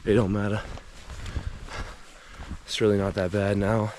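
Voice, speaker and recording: Trudging through snow on a windy trail, a hiking vlogger chats casually to the camera he's filming himself with. His voice is fairly low and a little mellow, with little pitch movement and a measured pace. Wind and outdoor noise fill the background.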